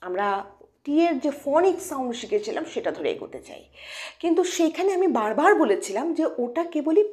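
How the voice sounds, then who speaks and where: A woman teaching English pronunciation to students, speaking Bengali as her first language. She asks questions and then answers them herself, in a coaxing way. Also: high voice. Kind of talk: online lesson, explaining to students.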